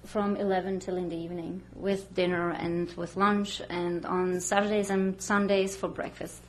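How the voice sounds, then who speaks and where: A woman from the Czech Republic, a restaurant owner speaking at a council podium, hesitant with many pauses. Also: fairly low pitch, level tone, slight background noise. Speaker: restaurant owner applying for a license.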